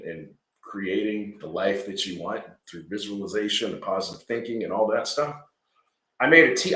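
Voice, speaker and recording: On poor, echoey audio, a Georgia landscaping company owner in his 40s talks as a podcast guest in a fairly low, slightly bright voice. His casual conversation is earnest and meandering, with frequent "right?" check-ins.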